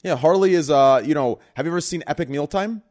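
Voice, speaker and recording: A man's voice: fairly high pitch, quick pace, a little mellow. A man of thirty hosting a casual voice-call chat, teasing his friends and swearing casually. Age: 30s. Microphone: online voice call.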